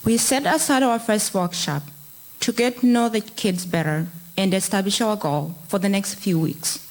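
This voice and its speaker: A woman's voice: medium pitch, moderate pace, low-quality recording. A young woman from Tanzania, a nursing student reading her part of a prepared presentation in a plain, orderly way.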